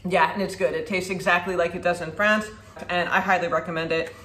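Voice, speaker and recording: A woman's voice: lowish voice, steady tone, brisk, a bit bright, a little hiss or hum. A woman in her thirties reviewing food in a home kitchen, talking in a chatty, upbeat way while she demonstrates, recorded by a camera a few feet away. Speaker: food vlogger. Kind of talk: casual product review. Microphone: camera at a distance, standing at a counter. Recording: echoey kitchen with faint ambience.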